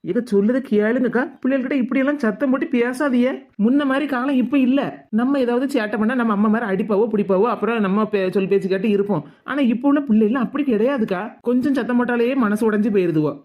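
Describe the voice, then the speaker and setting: A woman's voice: a little high, fast talker, lo-fi sound, close to an everyday voice. Woman voicing a soothing neighbor lady, southern Tamil. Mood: persuasive. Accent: southern Tamil, Tirunelveli-Kanyakumari. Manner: soothing, persuasive. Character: calm younger neighbor woman, advising. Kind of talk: animated cartoon voice acting.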